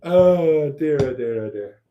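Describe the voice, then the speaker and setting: A man's voice: on the high side, expressive, takes it slowly, highs cut off. A British man hosting a livestream in a campy drag-queen manner, rambling and cheeky, full of flustered exclamations, swearing and saucy innuendo. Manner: flustered, self-interrupting, sweary. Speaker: host of an after-party livestream.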